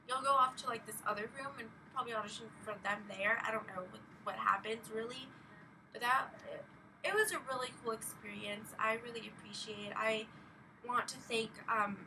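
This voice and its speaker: Her pitch fairly high, a young adult vlogger rambles through a personal experience, her speech halting and heavy with the filler "like." She's in a small bedroom at home, picked up by a distant webcam or laptop mic at arm's length that adds faint noise.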